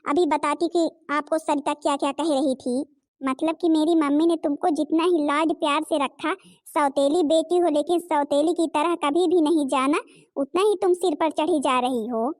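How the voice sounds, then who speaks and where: A woman voicing a spoiled, rude young stepsister in an animated cartoon, whiny and demanding. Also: high-pitched, dry recording, clean studio sound, natural voice. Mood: mocking.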